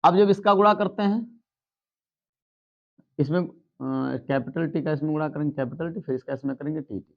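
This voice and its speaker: Guy teaching biology at a board, highish voice, goes step by step, kinda dull lo-fi sound. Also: moderate pace, gravelly, pauses often. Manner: explains step by step, checks in with students. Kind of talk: blackboard lesson.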